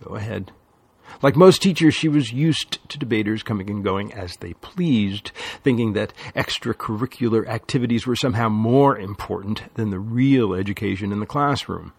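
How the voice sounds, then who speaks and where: Gravelly guy reading an audiobook, measured, super dry close sound. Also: fairly low pitch, no room sound. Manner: measured storytelling. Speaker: audiobook narrator. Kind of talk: scripted narration.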